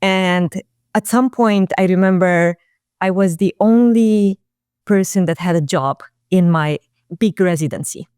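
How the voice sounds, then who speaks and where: A woman in her forties with a lowish voice, recalling her career as a guest in a casual interview. She speaks reflectively, hesitating with fillers and restarts. The recording is dry and close. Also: measured pace, a little mellow, clear, resonant tone, no room sound. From Romania. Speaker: guest, marketing executive.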